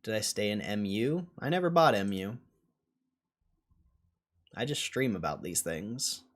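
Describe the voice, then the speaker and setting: A man's voice: lowish voice, lively intonation, measured pace. A man hosting a livestream in a casual, blunt and dismissive way, swearing now and then as he answers chat. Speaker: livestream host.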